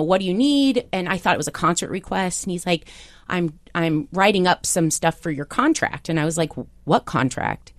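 Animated woman telling a story, dry sound. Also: lowish voice, no echo. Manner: animated storytelling, acts out quoted voices. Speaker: TV show staffer turned on-air talent. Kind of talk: casual chat.

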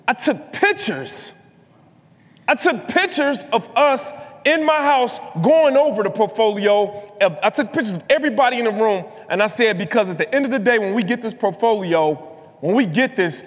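A man co-hosting a podcast, telling an emphatic story in casual chat and repeating points for weight. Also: high-pitched. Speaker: podcast co-host. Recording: long hall reverb.

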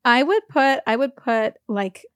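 A woman's voice: a little high, measured pace, clean tone, no echo, studio quality. Wry woman podcast co-host. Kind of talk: casual comedic chat.

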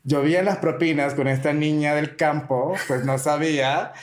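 A man with a Venezuelan accent, a podcast guest telling his story in a casual interview, animated and playful with slang. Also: on the high side, normal speed. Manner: animated, acts out quoted lines with playful slang. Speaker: podcast guest, drag artist. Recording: roomy echoey room.

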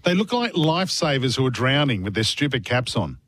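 A man's voice: medium pitch, very animated, a little fast, a bit bright, dry recording. An Australian man hosting sports radio, giving opinions in casual, slangy, insistent banter from a studio.

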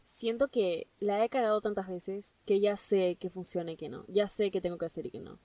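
Excitable woman doing a solo podcast pep talk, gushy, a bit off mic, dry sound. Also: mid-range voice, a little fast, dry recording, recorded from a distance. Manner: hyped, gushing, peppers speech with English phrases. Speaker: podcast host.

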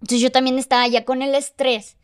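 A woman's voice: sits high, level tone, fairly quick, smooth. A woman telling a personal story in casual podcast conversation, emotional and vivid, acting out the dialogue. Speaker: podcast guest.

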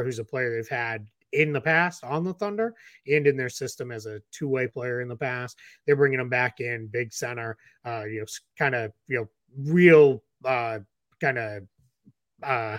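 A man's voice: mid-range voice, fairly bright tone, no echo. A man with a Boston accent gives casual podcast analysis of basketball roster moves. His delivery is loose and chatty, packed with "um"s and false starts. The recording is close and dry. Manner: quick rundown with frequent fillers and restarts. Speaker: NBA analyst co-host.

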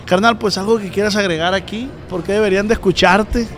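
A man's voice: sits high, steady tone, fast, a crowd in the background. A thirty-year-old man with a Mexican accent, hosting a casual, slangy interview. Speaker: podcast host, interviewer. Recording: outdoor event with background noise.

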